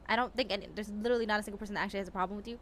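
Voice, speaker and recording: A woman's voice: mid-range voice, fairly even intonation, rapid-fire, fairly bright tone, slight background noise. A woman in an in-character roleplay chat, giving earnest advice full of "like" and restarts. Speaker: roleplayer in a gang.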